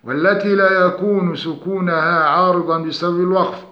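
A man's voice: sits high, steady tone, moderate pace. A male Quran recitation teacher giving a scripted tajweed lesson, laying out rules point by point in a methodical way. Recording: roomy, dull lo-fi recording.

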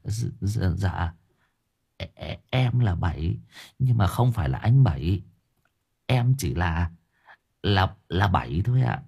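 A man's voice: deep voice, expressive, takes it slowly, gravelly, pauses often, mellow, slightly rough, exaggerated voice. A man voicing a timid young man who stammers meekly. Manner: stammering, meek.

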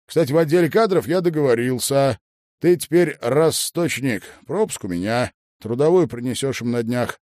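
Male narrator as a booming cheerful foreman, lively delivery, dry close sound. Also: moderate pace, dry recording, lightly acted. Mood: hearty. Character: cheerful middle-aged male foreman, loud and bluff.

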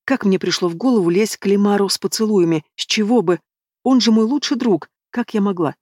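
A woman narrating a fantasy novel in the first person, in an even storytelling manner, close to the microphone. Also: medium pitch, fairly quick, no room sound. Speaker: audiobook narrator.

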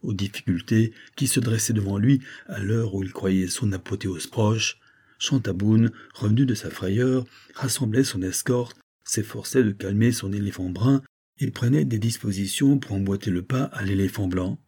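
A man reading an adventure novel aloud as an audiobook narrator, measured and dramatic. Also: fairly low pitch, dark tone, breathy edge.

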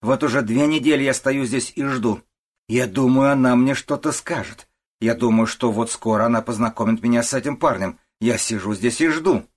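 A man with a husky voice voicing a harsh, scolding old working-class mother in an audiobook, shouting and contemptuous. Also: mid-range voice, a little fast, pitched above the performer's own voice, natural voice. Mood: furious. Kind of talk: audiobook character voice.

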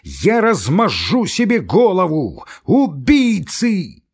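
A man's voice: fairly low pitch, very animated, drawn-out words, a little mellow, breathy edge, heavily acted. A man voicing an enraged male asylum patient who screams in fury. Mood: furious shouting. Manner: screaming, furious outbursts.

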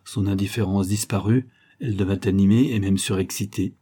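Low, husky-voiced male narrator. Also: steady tone, brisk, dark tone. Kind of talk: audiobook reading of a classic detective story.

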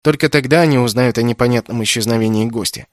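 A man reading a novel aloud as an audiobook narrator, telling the story in an even, measured way. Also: medium pitch, no room sound, clean studio sound. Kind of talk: scripted narration.

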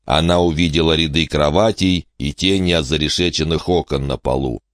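A man narrating an audiobook in an expressive, dramatic storytelling manner. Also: very deep voice, normal speed, no room sound, clean studio sound.

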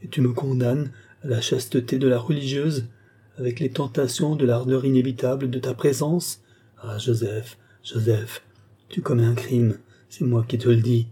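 Brief: man voicing desperate young woman in love, husky warm tone, impassioned. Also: mid-range voice, level tone, moderate pace, lightly acted. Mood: indignant, then pleading. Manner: pleading, impassioned delivery. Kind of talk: audiobook character reading.

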